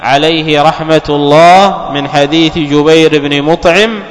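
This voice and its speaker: A man giving a religious lesson, explaining texts in a measured way, repeating key phrases and half-chanting quotations. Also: fairly high pitch, fairly even intonation. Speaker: Islamic scholar teaching. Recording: long hall reverb.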